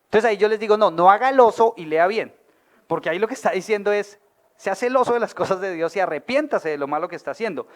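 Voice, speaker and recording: A man's voice: sits high, fast. A man with a Colombian accent, preaching a sermon as pastor. He is colloquial and humorous and keeps asking the audience questions. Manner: lively, asks the audience questions.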